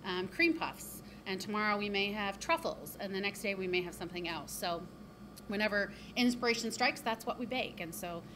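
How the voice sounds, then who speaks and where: A woman who co-owns a bakery talks in an upbeat, chatty way, with plenty of ums. She is interviewed inside her shop on a handheld mic. Steady noise sits behind her voice. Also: mid-range voice, moderate pace. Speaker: bakery co-owner. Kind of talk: casual interview. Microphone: handheld reporter mic. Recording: noticeable background noise.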